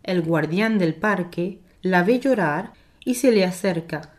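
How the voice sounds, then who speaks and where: A woman narrating a children's storybook in a slow, clear and measured way. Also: lowish voice, lively intonation.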